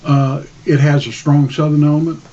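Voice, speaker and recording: Mellow, measured man on slightly dull audio. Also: a little high, little pitch movement, slight background noise. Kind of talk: informal explanatory discussion.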